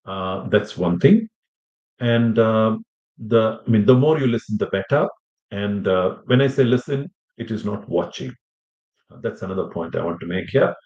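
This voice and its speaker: A man's voice: on the low side, animated, normal speed, a little mellow. A man teaching an informal class for students preparing for an English test, talking in a loose, rambling way full of "you know" asides. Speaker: IELTS teacher. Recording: roomy, slightly dull audio.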